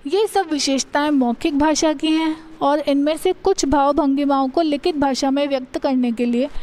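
A woman teacher with an Indian accent gives a grammar lesson in a high voice. She explains step by step and reads her examples out slowly and carefully. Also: fairly even intonation, a little mellow. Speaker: school teacher.

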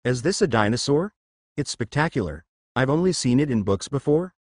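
A man's voice: mid-range voice, very animated, normal speed, no echo, studio quality. A man voicing a bold, curious young woman navigator, speaking eagerly.

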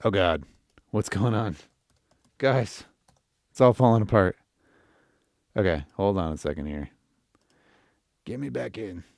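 A middle-aged man hosting a live stream, giving casual, animated feedback and thinking aloud as he chats to viewers. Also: lowish voice, a little slow, vocal fry, pauses often, dry recording, clean studio sound.

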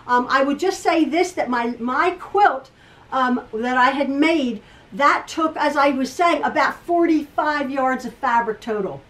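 A woman's voice: sits high, measured pace, fairly bright tone. Woman, middle-aged, quilting teacher, casual tutorial, rambling with restarts, home sewing room, voice a bit distant from the mic. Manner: rambling, thinking aloud with restarts and self-corrections. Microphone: camera across a table, from a distance. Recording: voice a little far from the mic.

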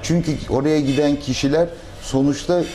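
A middle-aged man, a restaurant owner, answering interview questions in a measured, thoughtful way with pauses and fillers, recorded on a lapel mic in a restaurant dining room. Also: fairly high pitch, fairly even intonation, dark tone, slight background noise.

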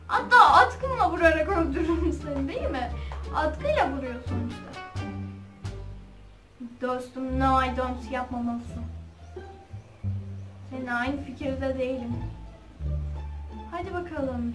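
A young woman chatting excitedly over her gameplay as a channel host, shrieking and giggling as she plays. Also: high voice, far from the mic. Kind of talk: casual gameplay commentary. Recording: echoey room, off-mic, game music behind.

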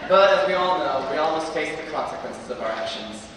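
A late-teen student delivers an earnest, wryly humorous commencement address from a lectern in a big auditorium, his fairly high, lively voice moving a little fast. A stand mic and a distant camera capture him in an echoey hall, with heavy noise from a crowd.

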